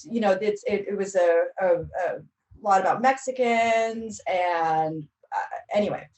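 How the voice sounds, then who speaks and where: The woman tells her story with animated flair and acts out her lines as she goes. Her voice sits at a middle pitch. She is heard over a video call, set back from the mic in a roomy, echoing space. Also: unhurried, distant mic. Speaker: actor panelist. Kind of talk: casual anecdote on a virtual panel.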